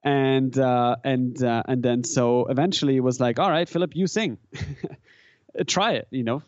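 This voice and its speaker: Speaking in a medium pitch, a male musician guest stumbles through casual interview answers, restarting and repeating words often. He's from German-speaking Switzerland and grew up speaking Swiss German. The sound is dry and muffled.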